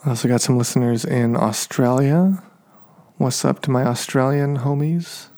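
A man's voice: medium pitch, fairly even intonation, moderate pace, mellow. A man with an American accent hosting a podcast in a casual solo chat. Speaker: podcast host.

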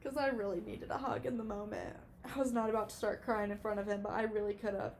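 A woman's voice: medium pitch, fairly even intonation, fast, a little mellow, a little hiss or hum. A woman in her early twenties hosting a solo podcast, talking in a rambling, emotional way with many "like"s. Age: 20s. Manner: rambling and emotional, heavy use of "like". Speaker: podcast host. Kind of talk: casual solo podcast monologue.

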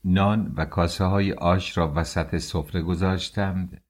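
Man, audiobook narrator, very deep voice, storytelling, acts out dialogue. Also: steady tone. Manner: storytelling, shifts tone for quoted characters.

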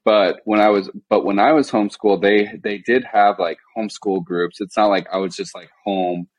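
This casual podcast chat features a young guest from the Midwest whose register sits very low and deep. Speaking at a moderate clip, he holds a deadpan monotone and leans constantly on "um" and "like" as fillers.

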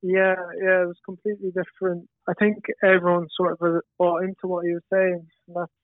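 Young male, west of Ireland accent. Very monotone, understated interviewee on a dry, narrowband line. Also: high-pitched, fairly quick, no room sound. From Galway, west of Ireland. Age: young adult. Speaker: footballer, podcast guest. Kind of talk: casual interview answers. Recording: tinny band-limited radio-like line.

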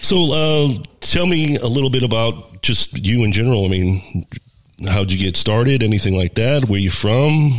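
A man's voice: medium pitch, moderate pace. A radio host with a stuffy, nasal voice from a cold, chatting casually and filling gaps with ums as he introduces his guest. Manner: relaxed, lots of ums and uhs. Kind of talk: casual interview chat.

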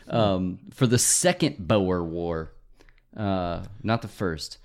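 A man's voice: deep voice, lively intonation, drawn-out words, darkish tone. A man co-hosting a podcast, telling a history story in casual chat, often laughing and spelling out names.

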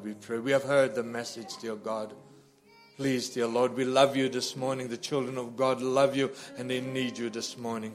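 This man's voice sits in the mid-range as he spontaneously prays before his congregation with fervor. He repeats brief pleading phrases, calling out to God between them, his volume rising from a hush to passionate loudness and falling back again.

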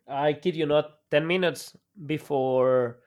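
A man's voice: a little high, takes it slowly. A man from El Salvador, an entrepreneur guest on a podcast, speaking over a video call with many fillers and restarts. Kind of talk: podcast interview.

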